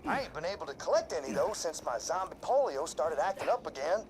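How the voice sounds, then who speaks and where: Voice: mid-range voice, very animated, fast talker, background noise, close to an everyday voice. A voice actor playing a zombie townsperson who asks for candy in a folksy, pleading drawl. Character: zombie townsfolk quest-giver with a candy craving.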